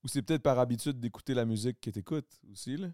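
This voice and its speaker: A man's voice: mid-range voice, quick pace, dark tone, no echo, clean studio sound. A man from Quebec with a Québécois accent, hosting a podcast in a casual, teasing conversational style. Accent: Québécois French. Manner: teasing, joking banter. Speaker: podcast host. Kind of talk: casual chat.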